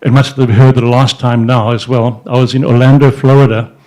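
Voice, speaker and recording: A brisk, medium-pitched male voice with a level, darkish tone comes through a low-quality recording. The older man, an entrepreneur addressing a society event indoors in front of a banner, tells stories into a handheld microphone, rambling with many restarts and fillers and gesturing as he talks.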